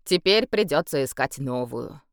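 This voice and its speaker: A woman's voice: rumbling low, expressive, moderate pace, no room sound, studio quality, voice pushed down. A woman voicing a possessive male emperor who speaks coldly and commandingly. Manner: cold and commanding. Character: cold, possessive male emperor with a beastly temper. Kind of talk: audiobook character voice.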